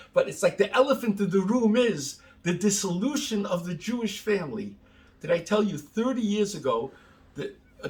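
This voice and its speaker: A middle-aged rabbi lectures with emphasis, hammering points by repeating phrases. His voice sits a little high for a man. He scatters Hebrew and Yiddish terms through his talk. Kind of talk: lecture to an audience.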